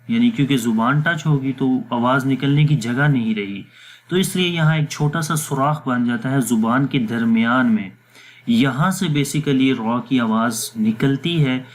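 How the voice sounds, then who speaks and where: A man teaching Quran letter pronunciation in a patient, step-by-step voice-over lesson, with slow, drawn-out demonstration syllables. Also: medium pitch. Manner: patient step-by-step explaining, mixes English words, pauses with fillers. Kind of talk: explanatory lesson with recitation drills.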